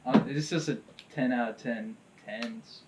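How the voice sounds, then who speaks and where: A man's voice: medium pitch, sing-song, measured pace, very noisy. A man co-hosting a casual movie review podcast, enthusiastic, with short replies. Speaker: podcast co-host.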